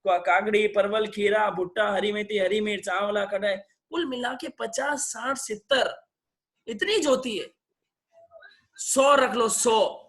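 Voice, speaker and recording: A man with a fairly high voice leads an online lesson over a video call. He quizzes his students one by one and coaxes answers out of them in a brisk way. He mixes in English phrases now and then. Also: fairly bright tone. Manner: quizzes participants, brisk and coaxing. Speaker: online class teacher. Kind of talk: interactive online religious lesson.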